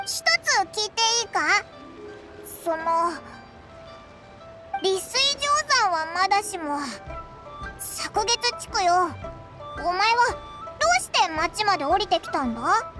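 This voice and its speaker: Very high, squeaky childlike sprite. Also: female voice, lively intonation, slow pace, pauses often, full character voice. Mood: skeptical, curious. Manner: rough boyish casual speech, blunt. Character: small childlike floating companion, brash, suspicious, plucky. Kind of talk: anime game voice acting. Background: loud music.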